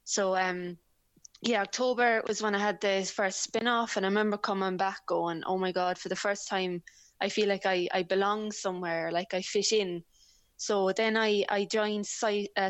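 A woman's voice: mid-range voice, smooth, dry recording. Chatty woman, west of Ireland accent. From County Leitrim, Ireland. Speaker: interview guest, amateur cyclist. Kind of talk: casual conversational storytelling.

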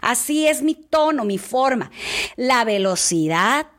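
A woman teacher giving an animated talk on couples' communication. She has a loud, strong voice and speaks straight to her audience. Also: fairly high pitch, takes it slowly.

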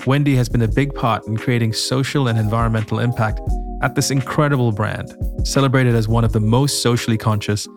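A man's voice: mid-range voice, steady tone, brisk, music in the background. A man hosting a podcast, telling stories in a reflective way and introducing a guest. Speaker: podcast host. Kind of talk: scripted intro and casual chat.

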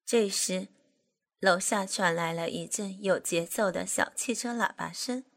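A woman narrates a serialized novel as a scripted audiobook, reading slowly and deliberately. Her middle-pitched voice is steady, measured, and creaky, and her storytelling stays even and calm.

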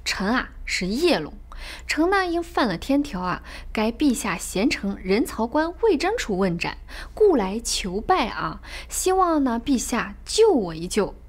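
A woman's voice: a little high, big pitch swings, a little slow, slightly rough, exaggerated voice. A woman voicing a proud, hot-tempered male dragon king in a storybook tale, blustering and demanding. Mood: pleading. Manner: blustering, threatening.

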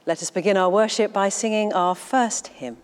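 Woman priest in long church echo. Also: medium pitch. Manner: measured, formal liturgical delivery. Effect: long church echo around the voice. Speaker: priest leading worship. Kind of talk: leading a church service. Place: large church interior. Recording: reverberant church hall sound.

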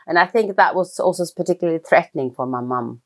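Woman, low and reflective. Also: expressive, fast. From Norway. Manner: thoughtful, hesitant, many restarts. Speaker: guest, film writer-director. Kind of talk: reflective personal interview.

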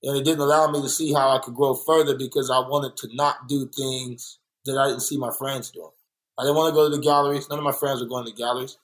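A man's voice: medium pitch, fast, low-quality recording. A man from Los Angeles, an artist guest in a casual interview, speaking candidly and telling stories from his life. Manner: candid, storytelling, animated when quoting others. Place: art workspace.

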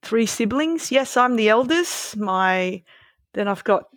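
A woman in her fifties with an Australian accent speaks slowly in a fairly high, animated voice, recorded dry with studio quality. Born in Malaysia, she moved to Australia at about twelve, and as an interview guest she tells her story casually and candidly, with a touch of self-deprecation.

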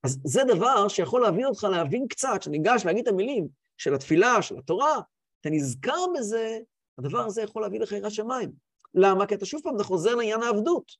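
A man in his thirties, a rabbi teaching a weekly Torah class with animated storytelling. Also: high voice, no echo. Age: 30s. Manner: animated storytelling, acts out quotes.

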